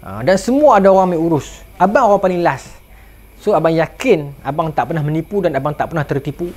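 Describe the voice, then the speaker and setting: A man voicing a dying old desert ascetic who gently reassures his wife. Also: on the high side, quick pace. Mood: calm reassurance. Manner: calm, reassuring.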